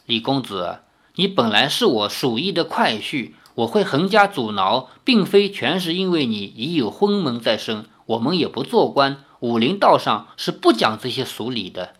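Brief: stern aging sword master, low and heavy, sighing, voiced by a man. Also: big pitch swings, moderate pace, fairly bright tone. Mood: grave. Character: stern aging male martial arts leader.

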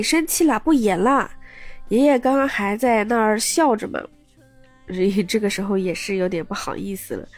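A woman's voice: mid-range voice, darkish tone, dry recording. A woman podcast host casually retelling a story, chatty, with personal asides to her listeners.

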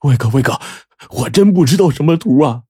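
A man voicing a cowardly male thug who stammers and begs in a high, frantic voice. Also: animated, a little fast, mellow, husky, dry recording, clean studio sound. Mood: pleading.

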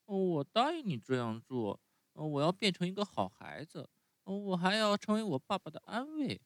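A man voicing an eager, excitable wooden puppet boy in a high squeaky voice, often starting with a hesitant "uh". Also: normal speed, no room sound, full character voice. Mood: pleading. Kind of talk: bedtime story reading.

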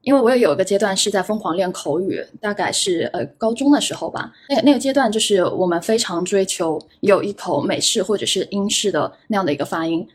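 A woman's voice: medium pitch, lively intonation, quick pace, hardly any pauses, husky. A woman hosting a podcast, telling a reflective personal story in a casual, self-deprecating way, often repeating words as she thinks. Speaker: podcast host.

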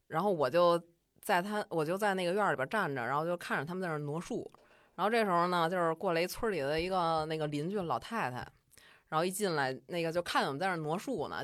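Chatty woman with a Beijing accent. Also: low-pitched. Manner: chatty, colloquial, animated retelling. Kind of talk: casual personal storytelling.

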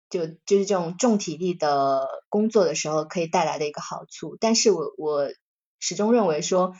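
Woman co-host, low voice, thoughtful and hesitant, muffled lo-fi audio. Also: a little mellow. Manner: thoughtful, hesitant, self-deprecating. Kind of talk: casual discussion. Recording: dull lo-fi sound.

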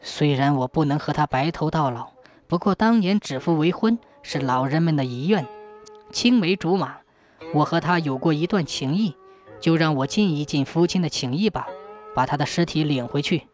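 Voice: mid-range voice, animated, normal speed, a little mellow, soft background music, pitched below the performer's own voice, natural voice. A storyteller voicing a grieving young man, an officer's son, speaking tearfully and humbly.

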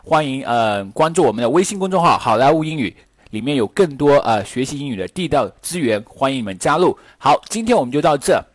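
Husky-voiced man teaching English phrases. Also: medium pitch, animated, no room sound. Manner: chatty, many filler pauses, slow careful English examples. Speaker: English teacher, podcast host. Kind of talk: casual podcast lesson.

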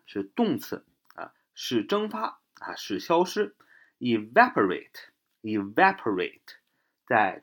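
A man with a Chinese accent teaching English vocabulary, spelling words letter by letter and often adding "啊" as filler. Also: mid-range voice. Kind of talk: spoken vocabulary lesson.

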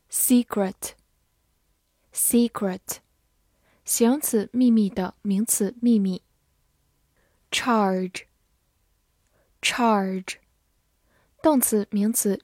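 Woman teacher, slightly high voice, slow spelled-out vocabulary lesson. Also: darkish tone, no room sound. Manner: slow, spells words letter by letter.

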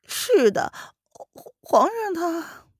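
A woman's voice: high voice, very animated, normal speed, dry recording, studio quality, voice pushed up. A woman voicing an anxious, loyal male palace servant who speaks earnestly to his mistress. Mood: respectful. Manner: pleading, earnest.

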